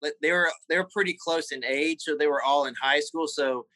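Bright-voiced Southern man. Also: a little high, no echo, poor audio. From South Carolina. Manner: halting, repeats words, many fillers. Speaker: guest. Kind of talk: personal interview conversation.

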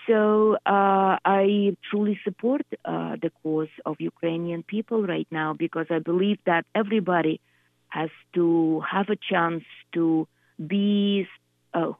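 A woman in her fifties from Russia with a Russian accent, a guest speaking haltingly with many pauses and fillers. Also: on the low side, creaky, no echo. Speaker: art gallery coordinator, guest. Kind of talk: radio interview by phone. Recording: tinny phone line.

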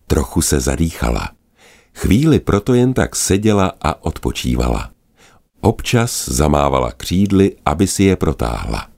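A man narrating a children's animal story in a gentle, expressive manner. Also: a bass voice, gravelly.

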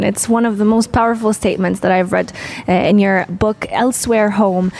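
A woman interviewer with a medium-pitched voice puts prepared questions to an author. She reads them steadily, adding a small filler here and there. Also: darkish tone.

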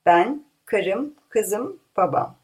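A woman's voice: medium pitch, extremely slow, poor audio. Plain village men listing family, read by a woman. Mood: matter-of-fact. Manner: flat, matter-of-fact listing.

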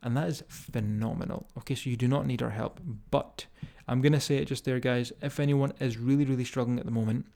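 Strong Scottish accent, male fitness podcaster, gravelly creak, mid-pitched, informal, speaking straight to listeners. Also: steady tone, a little fast, few pauses, dark tone. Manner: informal, directly addressing listeners. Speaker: fitness coach hosting a podcast. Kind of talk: casual motivational podcast talk.

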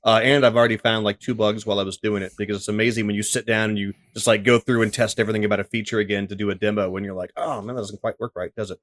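A man's voice: lowish voice, little pitch movement, rapid-fire, hardly any pauses, a bit bright, dry recording. A man co-hosting a tech podcast, chatting casually with lots of fillers and restarts. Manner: rambling, filler-heavy, self-deprecating. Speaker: podcast co-host.

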